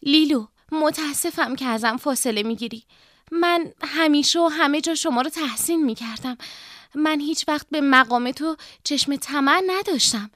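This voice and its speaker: A man doing a calm, high-voiced young woman. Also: no echo, clean studio sound.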